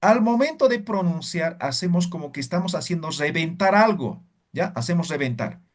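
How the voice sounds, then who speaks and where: A man's voice: on the high side, expressive, moderate pace. A man teaching a language class, explaining sounds and demonstrating them aloud, checking in often with short questions. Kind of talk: online language lesson.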